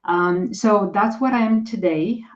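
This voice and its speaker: A middle-aged woman with a Romanian accent, appearing as a guest coach, talks casually and hesitantly in an interview, full of fillers and restarts. Her mid-range voice is unhurried and a little mellow. The audio is dull and lo-fi.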